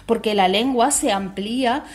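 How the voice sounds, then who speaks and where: A woman with a fairly high-pitched voice appears as a language expert guest on a talk show. She explains things in a measured way, frequently checking in with short tag questions.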